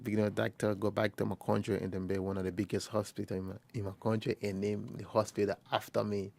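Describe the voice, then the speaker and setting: A young man from Liberia, a first-year college student, telling his story in an interview in a halting way, often restarting and quoting conversations. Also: on the low side, little pitch movement, vocal fry, a little mellow. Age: young adult. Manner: halting, with frequent restarts and quoted dialogue. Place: quiet recording booth.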